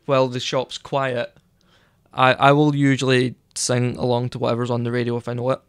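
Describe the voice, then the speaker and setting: A man with a smooth, clear voice chats loosely on a podcast, wandering through his points with plenty of ums and likes. The sound is dry and close, with no room around it. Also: mid-range voice, monotone, brisk, no room sound. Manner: rambling, hesitant, many fillers. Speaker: podcast co-host. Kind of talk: casual chat.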